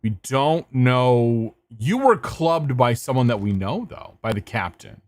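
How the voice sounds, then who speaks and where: A young man streaming a mystery game and puzzling over clues out loud. His pitch moves a lot as he talks. He jumps between thoughts, swears, and stops to greet viewers. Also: big pitch swings, measured pace. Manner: thinking aloud, scattered, swearing, greeting chat. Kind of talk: casual gameplay commentary.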